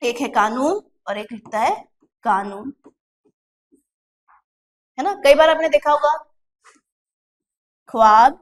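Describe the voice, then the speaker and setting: A woman teaching a classroom lesson for an exam, explaining step by step and asking and answering her own questions, with a Chhattisgarh Hindi accent. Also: sits high. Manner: slows to drawn-out pronunciation drills.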